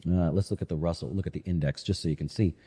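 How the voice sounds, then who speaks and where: Talking fast with fairly even intonation, this man has a deep, dark, husky voice that carries an echoey, hall-like reverb. He's an investment manager hosting a live financial show, offering relaxed market commentary dotted with rhetorical questions checking in with listeners.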